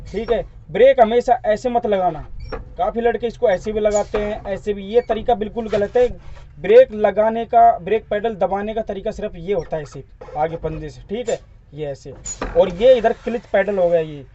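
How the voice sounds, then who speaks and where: A man's voice: high-pitched, dark tone, lo-fi sound, slight background noise. A man acting as a driving instructor, giving a hands-on demonstration inside a truck cab, explaining each part step by step and repeating the terms for his viewers.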